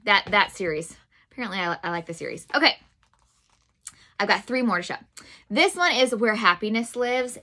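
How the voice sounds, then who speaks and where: A woman's voice: fairly high pitch, sharp tone. A woman in her thirties chatting casually about children's books, gushing to viewers with lots of "um"s. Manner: chatty and gushing, addresses viewers as "you guys"; frequent "um" fillers. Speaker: vlog host reviewing children's books. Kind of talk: casual chat.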